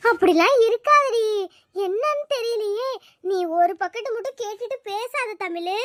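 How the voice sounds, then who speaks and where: A woman voicing a sharp-tongued old village grandmother in a cartoon, with a scolding, grumbling manner. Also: extremely high pitch, normal speed, no echo, studio quality. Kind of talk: cartoon voice acting.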